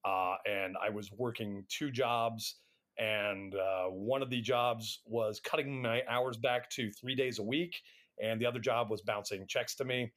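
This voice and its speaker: A man's voice: lowish voice, fairly even intonation, unhurried, a bit bright. A middle-aged man from the United States, a podcast guest telling anecdotes casually in a wry, self-deprecating way. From United States, Atlanta area. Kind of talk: casual anecdotal interview chat.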